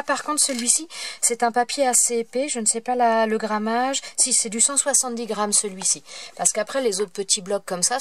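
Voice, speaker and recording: A woman's voice: medium pitch, a little hiss or hum. A woman hosting a paper craft tutorial, talking casually and hesitantly, with many fillers and self-corrections as she works at her table. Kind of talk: casual step-by-step craft demonstration.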